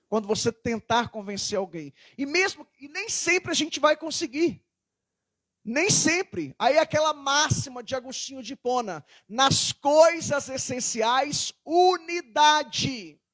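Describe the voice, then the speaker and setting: A man's voice: very high-pitched, no echo. A man preaching a sermon as pastor, chatty and conversational, with sudden emphatic stresses.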